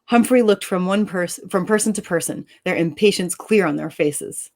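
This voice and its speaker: An author reading her story with expression, then chatting cheerfully and laughing easily. Her voice sits a little low for a woman. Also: moderate pace, a little mellow. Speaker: author and co-host. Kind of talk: dramatic story reading and casual chat.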